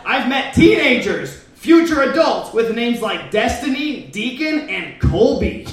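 A man's voice: very high voice, very animated, unhurried, heavily acted. A man performing a live comedy monologue as a sassy, brash, self-righteous lunch lady with campy indignation. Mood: scornful. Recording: very echoey live room, distant mic.

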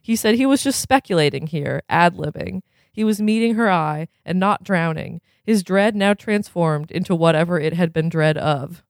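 A man's voice: high-pitched, moderate pace, creaky, no room sound, clean studio sound. A man, as a podcast host, reads a novel aloud expressively and then breaks off for casual chat full of fillers.

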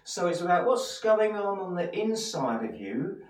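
Speaking at a normal speed in a high-pitched, very animated voice, this Essex-accented church pastor from Essex, England, preaches an uplifting sermon straight to his audience, leaning on rhetorical questions and repetition. Expect a distant mic and an echoey space.

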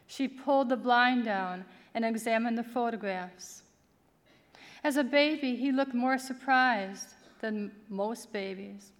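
Woman reading fiction in a reverberant hall. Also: a little high. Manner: measured, expressive reading with quoted dialogue. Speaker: author reading aloud. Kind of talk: literary reading. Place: large hall, live event.

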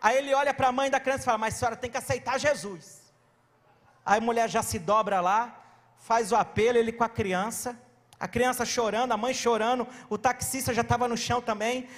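A man in his forties preaching a sermon in a church, telling a story with animation and breaking into shouts. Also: very high voice, fairly even intonation, brisk. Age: 40s. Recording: long church reverb.

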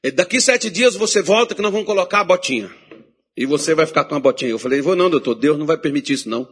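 A man's voice: a little high, lively intonation, rapid-fire, fairly bright tone, breathy edge. A man preaching a sermon, telling a story and acting out the voices of the people in it.

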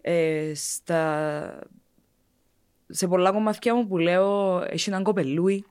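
A woman's voice: on the low side, fairly even intonation, darkish tone, clear, resonant tone. A woman with a Cypriot Greek accent co-hosting a comedy podcast, chatting and teasing playfully. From Cyprus. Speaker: podcast co-host. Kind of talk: casual podcast chat.

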